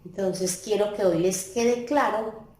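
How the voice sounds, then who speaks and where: A woman teaching a lesson, explaining slowly and stressing key words. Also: a little mellow, reverberant, poor audio. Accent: Colombian Spanish. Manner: deliberate, stressing key words with pitch jumps. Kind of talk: slow classroom explanation.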